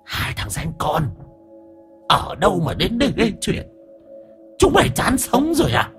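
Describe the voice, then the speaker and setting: A man's voice: high voice, wildly swooping pitch, normal speed, soft background music, voice pushed up. A man doing a spiteful old ghost woman. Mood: contemptuous. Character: spiteful centuries-old female river ghost.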